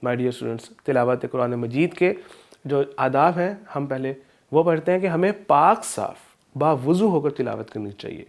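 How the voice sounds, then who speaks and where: A man teaching an Islamic studies lesson with a Pakistani Urdu accent, explaining rules slowly and chanting verses in drawn-out recitation. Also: mid-range voice, expressive, creaky. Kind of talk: recorded video lesson with Quran recitation.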